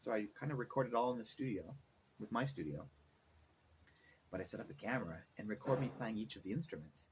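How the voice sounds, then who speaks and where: Middle-aged man chatting, low-key noisy recording. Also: animated, fast. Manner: rambling, thinking aloud. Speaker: vlogger, musician. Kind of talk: casual chatty vlog. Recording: noticeable background noise, ambience.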